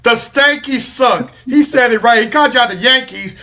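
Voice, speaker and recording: Bright-voiced man trash-talking sports. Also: very high voice, moderate pace, faint music behind. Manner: animated, teasing, trash-talking rival teams. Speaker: podcast co-host. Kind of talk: casual sports chat.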